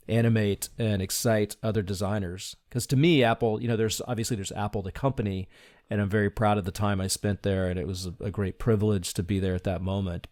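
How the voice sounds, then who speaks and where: A man's voice: on the low side, darkish tone, dry recording, studio quality. A middle-aged man speaking earnestly and reflectively in a conversational interview, now and then laughing lightly as he talks. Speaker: podcast guest, design leader.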